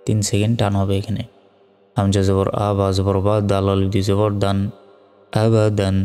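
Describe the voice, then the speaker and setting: A man teaching Quran reading, spelling out syllables slowly and then reciting them in a melodic chant. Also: fairly low pitch, monotone, darkish tone, clear, resonant tone. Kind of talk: letter-by-letter recitation lesson. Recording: long reverb hall with faint music.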